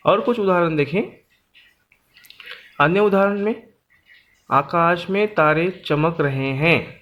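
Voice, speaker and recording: A patient man leads a school grammar lesson, going back over each point and listing things one by one. His voice sits a little above the usual male range. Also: on the high side. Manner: patient, repeats points and lists. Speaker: teacher.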